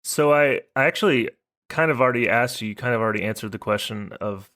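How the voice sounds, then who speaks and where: A man hosting a podcast interview, relaxed, asking long winding questions. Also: medium pitch, quick pace. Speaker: podcast host. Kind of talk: casual interview chat.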